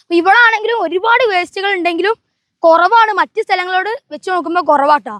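A woman's voice: extremely high pitch, fast, fairly bright tone, no room sound. A woman travel vlogger chatting casually to viewers in a Malabar Malayalam accent from northern Kerala, mixing English words into her Malayalam. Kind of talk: casual vlog chat to viewers.

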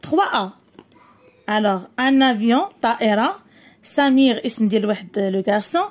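A woman with a Moroccan accent teaching a primary school French lesson, reading words slowly and deliberately, then explaining quickly. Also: on the high side, expressive.

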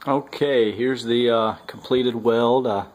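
A man narrating his welding work on a car in a casual workshop vlog, halting with many fillers, on a handheld camera mic. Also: mid-range voice, fairly even intonation, a little mellow, poor audio. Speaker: home car builder. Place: garage workshop, indoors.

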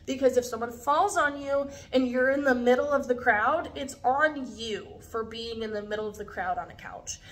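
A woman's voice: on the high side, normal speed, hardly any pauses. A young woman vlogging casually, chatty and blunt, swearing freely as she talks. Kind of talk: casual packing vlog.

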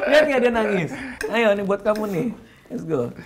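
A man's voice: sits high, lively intonation, normal speed, over a noisy crowd. A man in his thirties hosting a vlog, chatting casually in a playful, teasing way and laughing often. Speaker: vlog host.

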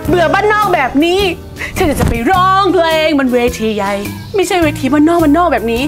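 A bored young village woman dreaming of stardom, played by a young actress, with a high, bright voice. She complains in a whiny, restless way in a short drama. Loud music plays underneath. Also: expressive, a little fast. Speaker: aspiring singer from the countryside.

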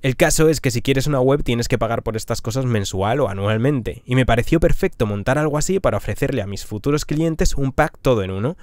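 A man's voice: medium pitch, brisk, hardly any pauses, no echo. Man telling his story, dry sound. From Spain. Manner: lively, punchy storytelling with rhetorical questions. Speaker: travel vlogger. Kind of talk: storytelling monologue. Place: small camper van interior. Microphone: podcast mic on a stand.

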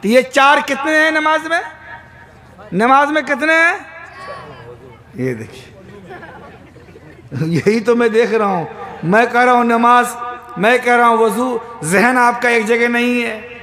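A male Islamic preacher, giving a humorous sermon at a gathering, quizzing the crowd and bursting into shouts. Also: very high voice, measured pace, long pauses. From Bihar, India.

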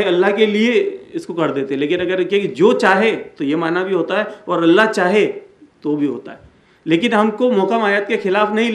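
A man from India, an Islamic speaker who founded an education center, gives a religious lecture in a fairly high voice. He explains patiently, returning to each point and slowing down to recite Arabic verses. The room around him echoes noticeably.

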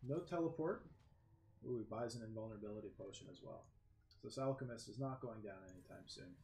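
A man commentating a strategy game match, lively play-by-play that jumps up in excitement. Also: medium pitch, gravelly. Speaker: game caster. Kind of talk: esports commentary. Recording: echoey room with faint background noise.

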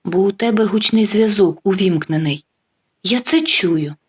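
Жінка озвучує спокійну, гостру на язик дружину, яка сухо й насмішливо відповідає чоловікові. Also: female voice, mid-range voice, breathy edge. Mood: dry. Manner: dry, mocking, unhurried. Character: calm, sharp-tongued wife getting even.

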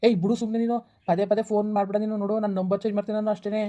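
A woman's voice: mid-range voice, level tone, mellow, muffled recording, close to an everyday voice. A woman playing a harsh, dismissive young man breaking up with his girlfriend in a village skit, talking in curt, scolding bursts. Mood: scornful. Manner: curt, scolding, rapid-fire.

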